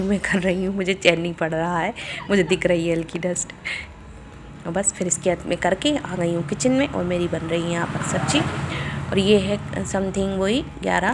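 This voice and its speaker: A woman's voice: mid-range voice, a little hiss or hum. A woman in her forties from India with a Bundelkhandi Hindi accent, chatting homely through her daily vlog at home in her kitchen. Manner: chatty, homely, retells family talk. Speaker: vlogger. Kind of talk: casual daily vlog narration.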